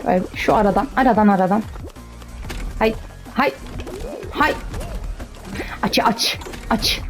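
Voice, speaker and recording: Speaking a little slowly at a medium pitch, a young woman gives casual commentary on the game she's playing. She chats, cheers herself on, and grows exasperated with the game, all over soft background music.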